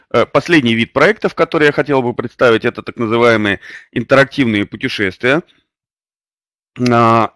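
A man hosting an online webinar, presenting unscripted and pausing often on drawn-out fillers. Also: medium pitch, a bit bright, no echo, clean studio sound. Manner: hesitant, many drawn-out fillers. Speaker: webinar host.

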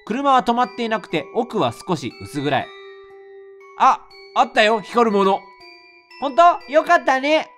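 A man's voice: very high-pitched, big pitch swings, a little slow, a bit bright, soft background music, voice pushed up, heavily acted. A man reading aloud the part of a girl recalling a childhood encounter from a horror novel, in a plain storytelling way. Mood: calm recounting.

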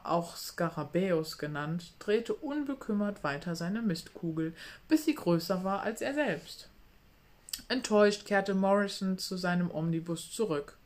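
A woman calmly reading a children's book aloud. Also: fairly low pitch.

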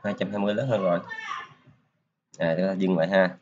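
A man's voice: sits low, steady tone, brisk, highs cut off, noisy background. A man giving a casual screen-recorded coding lesson, talking his way through each step with lots of filler particles. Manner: casual, talks while clicking through steps, many filler particles. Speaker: programming teacher.

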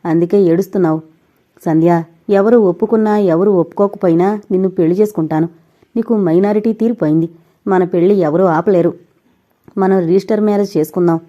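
A woman's voice: lowish voice, dark tone, natural voice. A woman voicing a heartbroken young man who pleads and accuses, in an audio novel. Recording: dull lo-fi recording.

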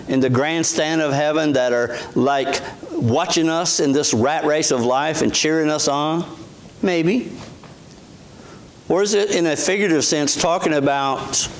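A man's voice: fairly high pitch, a little hiss or hum. A middle-aged man, a pastor giving a sermon in a church sanctuary on a lapel mic, speaking earnestly in a conversational way with frequent restarts.

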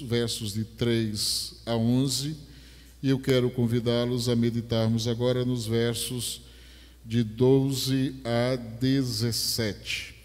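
Middle-aged Brazilian pastor, Rio accent, unhurried sermon delivery, headset mic, reverberant hall. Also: male voice, mid-range voice, darkish tone. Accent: Rio de Janeiro Portuguese. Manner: slow, measured scripture reading building to emphatic preaching. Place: large church stage, indoors. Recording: long church hall reverb.

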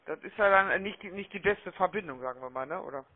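A fast-talking man whose voice sits high handles a chatty, unscripted sales phone call as a call-centre agent. Friendly and wordy, he often closes sentences with questioning tags, and the phone-line audio is muffled and narrow-band.

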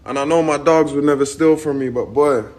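A man's voice: on the high side, fairly even intonation, a little fast, a little mellow. A young man, chatting and teasing in slangy casual banter on a phone live stream. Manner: slangy, teasing, laid-back storytelling.

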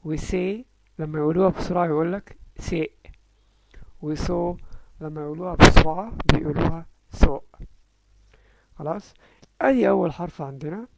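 A man with an Egyptian Arabic accent teaching a language lesson, patiently repeating syllables aloud and slowly spelling out words. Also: fairly high pitch, creaky, very noisy.

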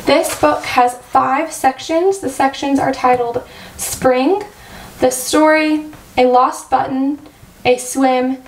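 High-voiced woman teacher reading a storybook. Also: fairly even intonation, takes it slowly, a little hiss or hum. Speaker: first grade teacher. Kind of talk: storybook read-aloud for children. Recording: roomy echo, distant mic.

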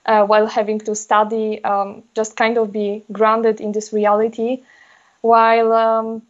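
A young woman from Poland with a Polish accent, speaking as an interview guest in a soft, dreamy way with many fillers. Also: fairly high pitch, monotone, measured pace. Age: young adult. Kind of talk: casual interview talk. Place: small room indoors. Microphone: earphone mic on a video call. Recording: dull lo-fi video call audio.

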